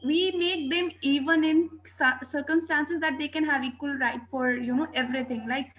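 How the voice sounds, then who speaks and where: A woman asking a question in a webinar, speaking hesitantly and often pausing to find her words. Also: high-pitched, steady tone, a bit bright, poor audio. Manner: hesitant, many "you know" fillers. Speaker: audience questioner.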